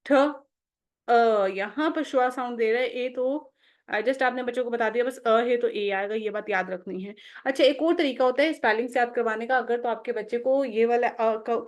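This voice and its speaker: A slightly high-voiced young woman gives a home-schooling phonics lesson. She breaks each word into single letter sounds, drawing them out slowly. She pauses often to ask whether it is clear. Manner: often checks with "okay?". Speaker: phonics teacher.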